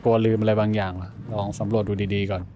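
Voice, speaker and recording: A man's voice: lowish voice, little pitch movement, fast talker, background noise. A man giving casual let's-play commentary, blunt and swearing freely, with sudden startled exclamations. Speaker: gaming streamer.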